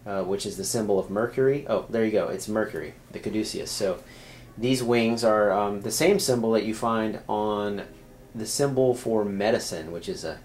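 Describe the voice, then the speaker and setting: A man's voice: on the low side, slight background noise. A man explaining things casually to viewers, talking off the cuff with many fillers and restarts. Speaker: video creator explaining symbols.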